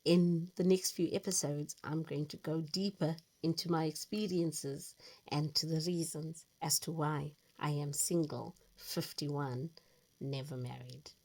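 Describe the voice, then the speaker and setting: Gravelly, husky woman in her fifties. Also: low voice, a little slow. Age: 50s. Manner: earnest and reflective, with lively emphasis. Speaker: host. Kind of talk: personal storytelling monologue.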